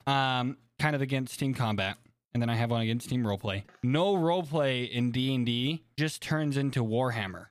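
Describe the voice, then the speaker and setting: A man's voice: mid-range voice, normal speed, no echo. A man co-hosting a casual podcast chat, talking in a teasing, chatty way. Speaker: podcast co-host.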